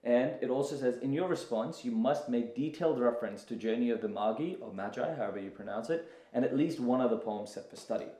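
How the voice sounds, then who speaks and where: A young man who talks students through exam questions in a relaxed, chatty way, with plenty of fillers and restarts. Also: medium pitch, quick pace, few pauses, roomy sound. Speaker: tutor. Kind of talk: casual tutorial.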